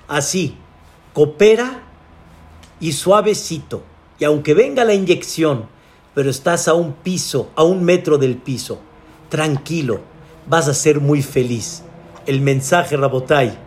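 A rabbi delivers a sermon in a high voice at an unhurried pace. He tells a story dramatically and gives each character its own voice.

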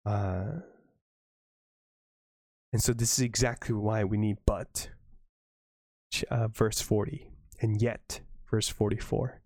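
A man leading a Bible study, reading scripture aloud and breaking off for earnest, excitable asides and self-corrections. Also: on the low side, takes it slowly, pauses often, dry recording, clean studio sound. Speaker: Bible study leader reading to a live audience. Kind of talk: Bible reading with informal commentary.

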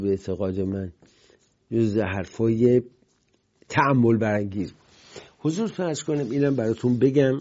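Mellow-voiced male political commentary host. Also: medium pitch. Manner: rambling, digressive storytelling with emphatic swings in loudness. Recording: dull lo-fi broadcast sound.

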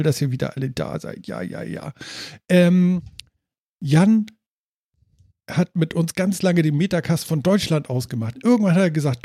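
A man hosts a casual podcast with a relaxed, fairly high voice. He rambles and jokes in an easygoing chat. The sound is dry and close, with soft music behind him. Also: vocal fry, no echo. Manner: jokey, chatty, rambling. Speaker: podcast host.

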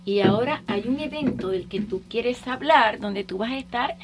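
A woman's voice: on the high side, normal speed. A woman hosting a casual interview, often interjecting and repeating key words. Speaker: radio talk show host.

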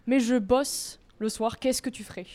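A woman's voice: fairly high pitch, normal speed, warm tone. Playful young woman from Strasbourg. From Strasbourg, France. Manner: playful, joking. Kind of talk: audience question at live talk. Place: bar with audience.

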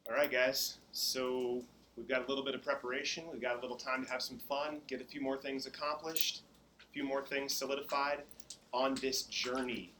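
Man, theater staff, encouraging pep talk, bright forceful voice, mid pitch. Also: steady tone, a little hiss or hum, low-quality recording. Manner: upbeat, encouraging, slow and deliberate in affirmations. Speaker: theater staff member leading students. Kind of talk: pep talk and group affirmations.

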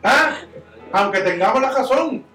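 Impassioned high-voiced preacher in an echoey church. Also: male voice, expressive, unhurried, far from the mic. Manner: impassioned, swings from loud to hushed. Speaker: pastor. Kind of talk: sermon. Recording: echoey church room, miked from afar, soft guitar behind.

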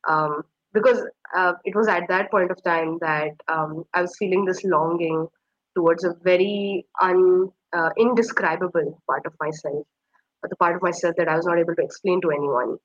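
Soft-spoken young woman, hesitant and reflective. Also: fairly low pitch, fairly even intonation, moderate pace, dry recording. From Kashmir. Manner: hesitant, many fillers. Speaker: interview guest. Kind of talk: reflective personal storytelling. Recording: slightly muffled dry recording.

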